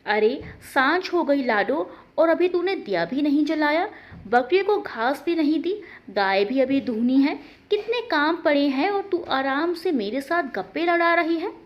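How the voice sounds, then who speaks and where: A woman's voice: high-pitched, lively intonation, a little slow, dull audio. A woman voicing a tender old grandmother. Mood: affectionate. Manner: soothing, affectionate. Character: elderly grandmother, tender and teasing.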